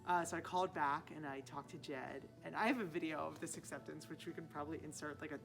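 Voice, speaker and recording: Low-voiced young woman, earnest. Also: fairly even intonation, quick pace, vocal fry. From Maryland. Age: young adult. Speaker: directing student. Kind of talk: casual interview. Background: background music.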